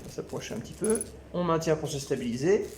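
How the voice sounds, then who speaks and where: Excited man narrating his gameplay. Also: fairly high pitch, fast talker, slight background noise. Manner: thinks aloud, excited exclamations. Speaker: gameplay video host. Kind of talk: live gameplay commentary. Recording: echoey room with game music.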